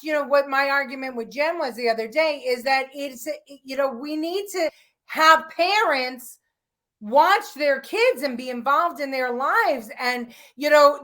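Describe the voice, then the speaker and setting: Woman talk-show host, opinionated, emphatic, voice on the higher side. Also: a bit bright. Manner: emphatic, opinionated, many restarts. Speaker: podcast host. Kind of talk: political talk show chat.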